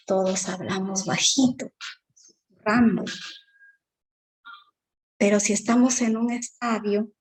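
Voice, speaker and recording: A woman teacher giving an exam-prep lecture, explaining slowly with many fillers and tag questions. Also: mid-range voice, a little mellow, poor audio.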